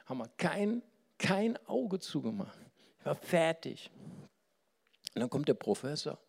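A male preacher giving a conversational sermon, moving from soft near-whispers to loud, animated storytelling and asking the listeners questions. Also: a little high, measured pace, vocal fry.

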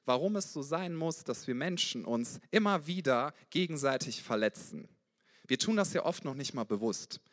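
A man preaching a sermon with passion, swinging between loud exclamations and soft, intimate passages. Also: on the high side. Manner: passionate, gets loud, then drops to soft intimate tones. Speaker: guest preacher.

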